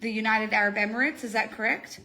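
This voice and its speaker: A woman's voice: a little high, fairly even intonation, fast, bright, forceful tone. A woman from Australia hosting a podcast, chatty and enthusiastic as she introduces and questions her guest. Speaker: podcast host.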